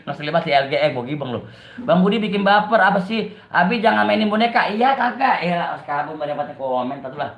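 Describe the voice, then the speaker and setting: A man's voice: fairly high pitch, animated, fairly quick, fairly bright tone. A man with a Betawi accent hosts a casual live stream, reading viewers' comments aloud and teasing them with a lot of laughter. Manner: joking and teasing, laughs often. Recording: dull, roomy lo-fi live stream.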